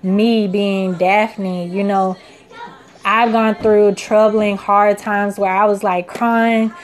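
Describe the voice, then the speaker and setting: A woman's voice: mid-range voice, level tone, takes it slowly. A woman in her twenties hosting a casual self-help podcast, talking in an earnest, encouraging, rambling way full of "you know" and "like". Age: 20s. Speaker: podcast host.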